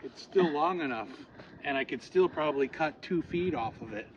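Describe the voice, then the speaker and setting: A man chatting casually outdoors as he explains his building work, often pausing to think aloud. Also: on the high side, lively intonation. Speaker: log cabin builder and vlogger. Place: outdoors at a cabin building site. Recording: muffled, noisy outdoor camera audio.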